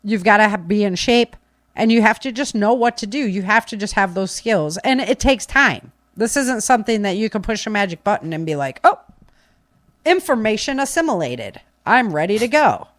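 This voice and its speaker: In a dry recording, a woman with a medium pitch and lively intonation speaks at a moderate pace. The podcaster's topic is preparedness and self-defense, and her casual, opinionated delivery is insistent, with key phrases repeated to give her firm advice force.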